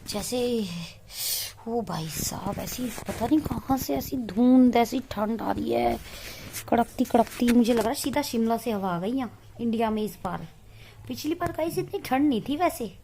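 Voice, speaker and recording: A young woman chatting casually to her viewers in a home vlog, talkative and quick to laugh. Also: on the high side, mellow, a little hiss or hum. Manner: chatty, laughs often, addresses viewers as guys. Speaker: vlogger. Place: home, indoors.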